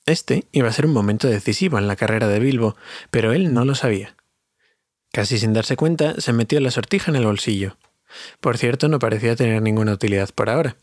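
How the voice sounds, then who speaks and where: A man's voice: medium pitch, a little fast, no echo, studio quality. A man reading a fantasy audiobook aloud, confiding and speaking straight to his listeners. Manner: warm, confiding, addresses listeners directly. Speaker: audiobook reader. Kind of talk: storytelling narration.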